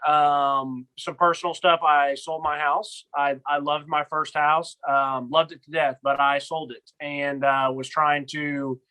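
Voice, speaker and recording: Male, around thirty, fired-up frat-bro sports fan, raised pitch with a sharp bright edge. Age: 30s. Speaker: podcast co-host. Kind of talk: casual sports podcast chat.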